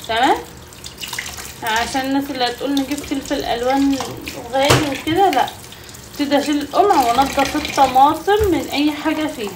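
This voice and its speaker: A woman's voice: high voice, noisy background. A young Egyptian woman with an Egyptian Arabic accent, chatting to viewers in a casual cooking vlog from her home kitchen. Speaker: vlogger.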